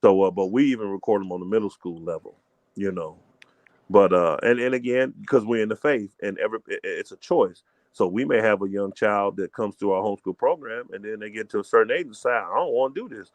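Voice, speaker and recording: A middle-aged man with a lowish voice, talking in an emphatic, preacherly way. He keeps checking "you know what I mean" as he explains. The sound is dry and close, with no room around it. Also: fairly quick, no echo. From Fort Wayne, Indiana, US. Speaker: community elder, homeschool leader. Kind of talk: casual call-in chat.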